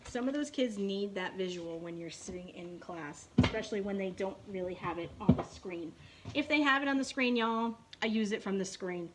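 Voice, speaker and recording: Touring her home classroom setup in a casual way, a woman who teaches English online keeps addressing her viewers directly, peppering her chat with "y'all" and "right." She speaks at medium pitch and a moderate pace against a noisy background.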